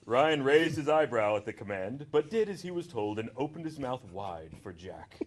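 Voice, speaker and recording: On a charity livestream, a man gives a comedic read-aloud of fan fiction, theatrical and animated, often stopping to ad-lib a comment with a chuckle. His pitch is medium and his pace normal, with slight background noise.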